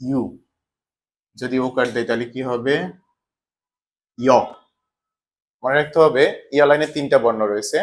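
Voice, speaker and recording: Male teacher, mid pitch, patient stepwise explanation with rhetorical questions. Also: steady tone, fast. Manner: asks questions and answers them himself, repeats patterns. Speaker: Japanese language teacher. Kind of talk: explaining a lesson step by step.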